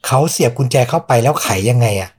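A man's voice: mid-range voice, fast, a little mellow, breathy edge. A man hosting a podcast, telling a true ghost story in a suspenseful, conversational way. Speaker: podcast host.

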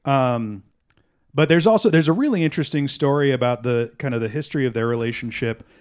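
A man's voice: mid-range voice, fairly quick, darkish tone, clean tone. A man with a mid-range voice co-hosts a podcast in loose, casual chat. He swears freely and tells long, rambling stories. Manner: profane, rambling storyteller. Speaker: podcast co-host.

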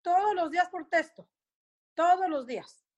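Anguished high-voiced mother. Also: normal speed, dull audio. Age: middle-aged. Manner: anguished, recounts dialogue with quoted voices. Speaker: mother of a missing soldier, guest. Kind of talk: emotional radio interview.

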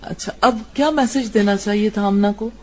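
A woman teaching a religious class, lecturing and pressing her students with questions. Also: medium pitch.

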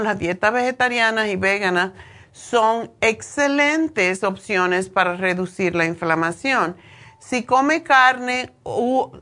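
Her voice is fairly high and sharp in tone. She's a nutrition show host from Cuba, in her sixties with a Cuban Spanish accent, offering an informal, opinionated talk on health marked by many hesitations.

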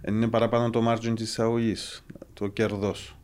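A man with a Cypriot Greek accent asking questions in a casual interview, halting as he feels for words. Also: lowish voice, level tone, a little mellow.

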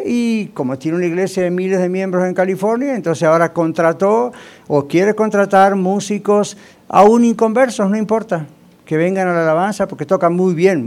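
A man's voice: high-pitched, a little mellow. A male pastor preaching a sermon in a conversational way, often asking the congregation rhetorical questions.

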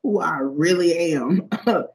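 A young woman in casual chat, slangy and animated, laughing often. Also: lowish voice, slow, poor audio.

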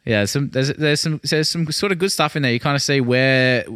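A man's voice: mid-range voice, normal speed, fairly bright tone, clean tone, dry recording, clean studio sound. An Australian man co-hosting a music podcast in a casual, conversational style. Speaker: podcast co-host.

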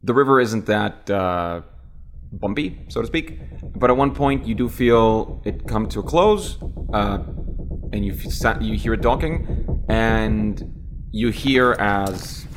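A low-voiced man runs a tabletop game as game master. He narrates in a loose, rambling way, stopping and restarting often as he describes the scene. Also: slow, a little hiss or hum. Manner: rambling, with frequent fillers and restarts.

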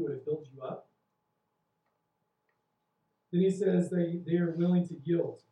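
Guy pastor preaching, slightly high voice, earnest, keeps asking the crowd questions, echoey hall, dull sound. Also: mellow. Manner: earnest, questioning, builds in intensity. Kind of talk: sermon. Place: church hall. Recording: roomy, distant, dull church recording.

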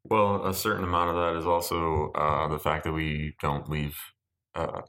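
A man's voice: very deep voice, level tone, normal speed, fairly bright tone. A man with a stuffed-up, nasal voice chatting casually as a podcast host in a dry, rambling, joking way. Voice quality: stuffed-up, nasal voice from a deviated septum. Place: at home in an apartment.

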